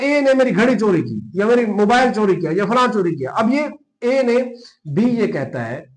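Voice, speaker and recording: A Pakistani man with a high-pitched voice teaches a lesson as a law lecturer for police exam candidates, speaking Urdu mixed with English legal terms. He is repetitive and emphatic, checks that students understand, and spells out key terms. The recording quality is low.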